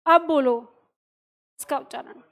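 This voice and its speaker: A woman with a high voice teaches an online grammar lesson. She sounds letters out slowly, one at a time, checking that her listeners are following. She keeps putting questions to her students and then answering them herself. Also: vocal fry, a bit bright. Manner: checks in often with "ठीक है" and "सही है?". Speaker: Hindi teacher.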